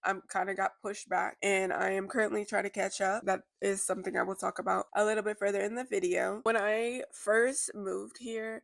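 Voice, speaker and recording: A congested woman in a heart-to-heart vlog, her words a little slurred and her voice gravelly with fry. She talks in a candid, reflective way that loops back and restarts. The sound is dry and close. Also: mid-range voice, no room sound. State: congested, slightly slurred speech. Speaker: vlogger. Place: indoors at a relative's house.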